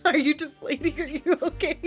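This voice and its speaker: A boisterous woman chatting casually with friends as she hosts a live game stream, quick to shriek and giggle. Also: sits high, steady tone. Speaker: streamer hosting a group game playthrough. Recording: music playing behind the voice.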